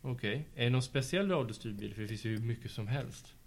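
A man at a school interviews pupils, patient and encouraging, with a voice of ordinary middle pitch. He asks slow, gentle follow-up questions in a casual tone. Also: lively intonation. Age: adult. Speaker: school after-school staff interviewer. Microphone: handheld mic passed to pupils.

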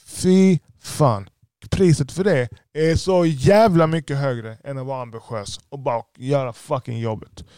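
A business owner with a lisp, giving a blunt, profane podcast monologue. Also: male voice, medium pitch, mellow, clear, resonant tone, no room sound, clean studio sound.

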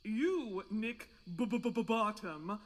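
An actor playing a fussy male carpenter who directs a village play and calls out the cast in a measured way. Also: mid-range voice, lively intonation, big-room sound. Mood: directing. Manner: calls out names in a measured, slow way.

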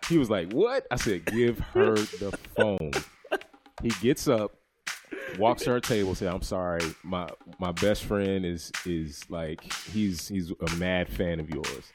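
A man's voice: low voice, unhurried, music in the background. A man on a podcast, telling a story in casual chat, laughing and quoting voices as he goes. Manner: animated, laughing, retells with quoted voices. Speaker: podcast co-host.

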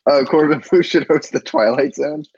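A man co-hosting a casual movie podcast over a call, rambling, animated and laughing often. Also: fairly high pitch, normal speed, lo-fi sound, slight background noise. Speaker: podcast co-host. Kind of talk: casual chat.

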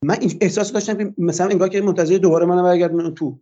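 Older man with a dark, dull voice. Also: high voice, steady tone. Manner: long, hesitant retelling with frequent "uh" fillers. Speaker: interview guest. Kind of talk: personal account in a radio interview.

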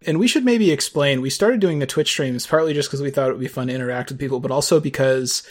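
A man co-hosting a podcast, relaxed and explanatory in casual chat. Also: mid-range voice, quick pace. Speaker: podcast co-host.

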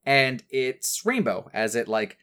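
Man, casual podcast chat, animated, detailed, filler-heavy, mid pitch. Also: slow pace, clean tone. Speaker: podcast co-host. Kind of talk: casual chat recapping a cartoon episode.

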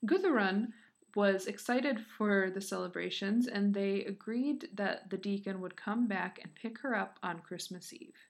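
A woman's voice: medium pitch, unhurried. A woman with a Michigan accent co-hosting a podcast, telling a story casually with giggly, informal asides. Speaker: podcast co-host.

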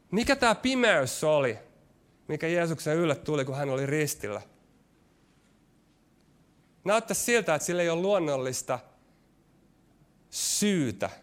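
A man preaching a sermon, his delivery shifting between quick, pressing stretches and slow, hushed lines. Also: fairly high pitch, clean tone. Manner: varied delivery, rushing ahead then dropping to slow, hushed lines.

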